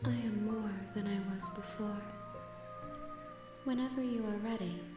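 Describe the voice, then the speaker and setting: A woman voicing a vast, godlike female entity who speaks in a slow, solemn, measured way. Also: mid-range voice, fairly even intonation, lightly acted. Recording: cavernous reverb over game music.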